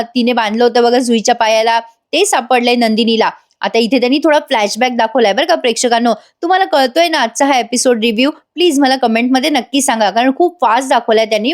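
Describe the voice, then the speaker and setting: A woman narrating a voice-over recap of a TV serial episode, chatting directly to her viewers. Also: on the high side. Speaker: TV serial reviewer.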